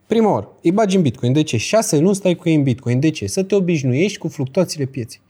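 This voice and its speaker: A man's voice: on the high side, expressive, warm tone, breathy edge. Slangy young man giving blunt advice. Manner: blunt, slangy, lecturing with rhetorical questions. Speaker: crypto guest. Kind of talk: casual podcast chat.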